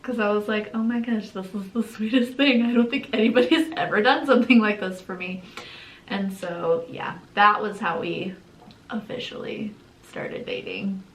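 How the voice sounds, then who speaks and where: Young woman chatting, acts out the quotes, bright voice, echoey room. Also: mid-range voice, normal speed. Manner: animated, acts out quotes, laughs often. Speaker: channel co-host. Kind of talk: casual storytelling.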